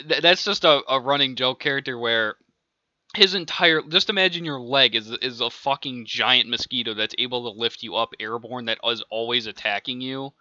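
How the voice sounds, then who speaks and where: A man's voice: medium pitch, normal speed, pushed and bright, no room sound. A man casually narrating his own improvised audiobook story, rambling and chuckling as he goes, on a dull lo-fi recording. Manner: rambling, chuckling between lines. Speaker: amateur audiobook reader. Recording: dull lo-fi dry home recording.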